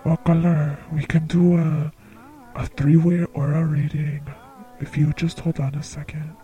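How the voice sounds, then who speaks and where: A man hosting a comedic call-in show as a psychic, speaking in a slow, soft-spoken, earnest way. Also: a little high, flat delivery, faint music behind, rough recording. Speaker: psychic radio show host.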